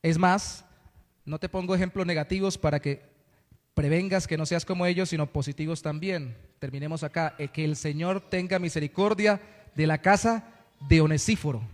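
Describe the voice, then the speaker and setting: Man pastor, high voice, church reverb; earnest sermon with playful asides. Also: fairly even intonation, normal speed. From Colombia. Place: church hall.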